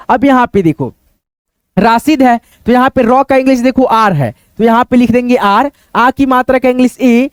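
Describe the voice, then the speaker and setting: A man with a very high, smooth and clear voice teaches a casual video lesson. He works through examples step by step and keeps turning to his viewers with questions and little prompts. The recording is close and dry, with no room sound. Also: no echo. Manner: repeats "dosto" and "dekho", asks the viewers questions.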